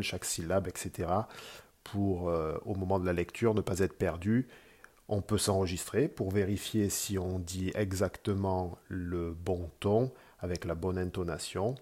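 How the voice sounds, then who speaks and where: A man's voice: sits low, a little mellow. A man hosting a podcast lesson, patiently explaining pronunciation with frequent hesitations. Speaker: podcast host teaching Mandarin tones. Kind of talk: spoken language lesson.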